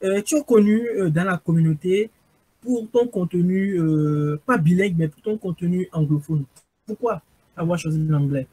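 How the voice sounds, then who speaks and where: A man's voice: high voice, moderate pace, mellow, husky. A man with a Beninese French accent hosting an interview, asking curious, teasing questions. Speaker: interviewer host.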